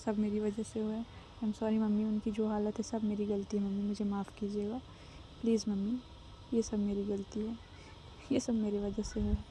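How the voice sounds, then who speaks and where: A young woman overwhelmed by guilt, pleading for forgiveness, as a woman narrator puts her on. The tone stays mellow and muted. A faint background noise runs beneath. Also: mid-range voice, little pitch movement, moderate pace, close to an everyday voice. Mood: remorseful. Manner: pleading apology. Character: guilt-stricken young woman, sobbing apology.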